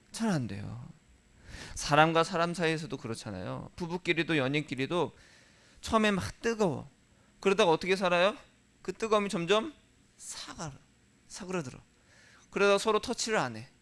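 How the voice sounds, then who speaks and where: A male pastor delivering a Sunday sermon, asking the congregation rhetorical questions and moving between soft, quiet lines and emphatic ones. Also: a little high, lively intonation, normal speed, vocal fry, pauses often.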